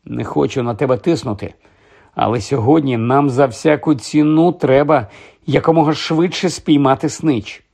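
A man voicing an earnest young sports team captain in an audiobook, speaking low and urgently. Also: moderate pace, gravelly, darkish tone. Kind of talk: audiobook character voice.

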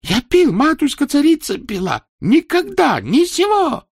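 A man voicing an excitable older Greek court physician, fawning and shrill. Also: moderate pace, creaky, dry recording, studio quality, exaggerated voice. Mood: shrieking. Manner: shrill, fawning, loudly protesting.

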